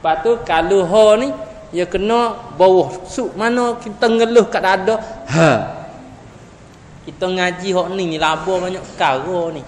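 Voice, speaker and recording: A man with a Patani Malay accent teaches Quran recitation in an animated way, drilling sounds again and again. His voice sits high and carries a long reverb through a hall. Faint noise hums behind him. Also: a little slow. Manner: animated, repeats sounds for students, chuckles often. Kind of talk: classroom teaching. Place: classroom.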